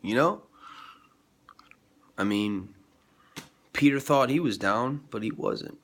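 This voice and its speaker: In a rambling faith vlog, this man sounds stuffed up and sniffly with a cold, leaning on fillers and restarts. His mid-range voice is fairly bright and animated, though he speaks slowly.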